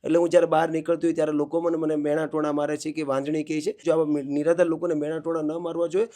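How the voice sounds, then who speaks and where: Fast-talking man with a Gujarati accent, consoling. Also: on the high side, level tone, mellow. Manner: consoling, earnest appeal. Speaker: charity interviewer and host. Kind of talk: interview and appeal to viewers.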